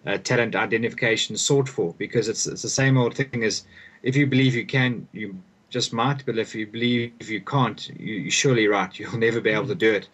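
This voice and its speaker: Heard on a low-quality recording, a young South African guest author and performance coach answers thoughtfully in a conversational way. His lowish voice is fairly quick, a bit bright and slightly rough, and he often repeats words while restarting sentences.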